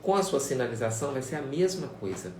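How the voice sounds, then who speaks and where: A man's voice: mid-range voice, lively intonation, quick pace, a little mellow, slight background noise. A man gives a casual live-stream lesson as a sign language teacher, talking straight to viewers and repeating his points. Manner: repetitive, conversational, addresses viewers directly. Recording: echoey room, voice far from the mic, faint ambience.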